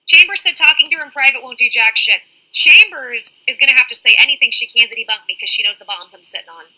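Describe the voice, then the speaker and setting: A young woman talks through a casual livestream, reading out comments from her chat and answering each one directly. Her voice sits high and sounds very bright and forward. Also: low-quality recording. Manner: fast-talking, reads out chat comments and answers them directly.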